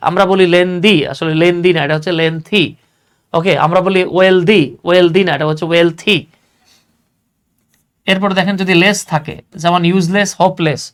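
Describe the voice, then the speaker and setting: A man's voice: high voice, a bit bright. A man teaching an English grammar lesson in a casual classroom style, explaining step by step, repeating key points and asking rhetorical questions. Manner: slows down to spell out words while writing.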